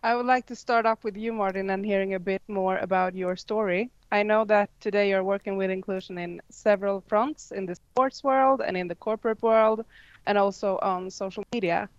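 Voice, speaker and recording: Woman panel moderator, smooth voice, dry close sound, slightly hesitant. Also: mid-range voice, steady tone, normal speed, dry recording, highs cut off. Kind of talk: panel discussion.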